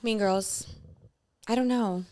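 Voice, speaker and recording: A woman, a guest actress chatting on a podcast in an animated, self-deprecating way. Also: medium pitch, takes it slowly. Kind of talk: casual podcast chat.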